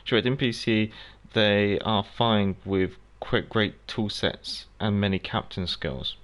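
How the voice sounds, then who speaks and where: Hosting a game livestream, a South African man whose first language is Afrikaans talks casually as he plays, reading chat aloud and answering people by name. His lowish, slightly bright voice holds a steady tone and moves slowly.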